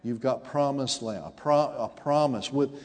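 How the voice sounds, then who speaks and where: A man's voice: mid-range voice, normal speed, long reverb tail. A man in his forties preaching a sermon, calling out to his congregation and building to emphatic peaks. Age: 40s. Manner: call-and-response preaching, rising to emphatic peaks. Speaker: pastor.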